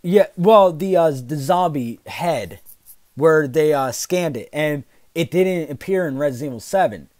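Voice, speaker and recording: A man with a slightly high voice and a close, dry sound rants as a fed-up, raging gamer. He swears heavily through loose, conversational live commentary. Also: expressive, unhurried, darkish tone, dry recording. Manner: raging, exasperated gamer ranting; heavy profanity. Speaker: gaming commentator. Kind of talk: live commentary rant, casual chat.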